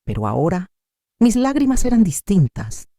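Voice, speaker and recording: A woman's voice: medium pitch, very animated, normal speed, warm tone, no room sound, studio quality. A woman narrating a first-person dramatic story as an elderly mother of seventy-five. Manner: dramatic, emotional reading. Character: woman of 75 telling her own story.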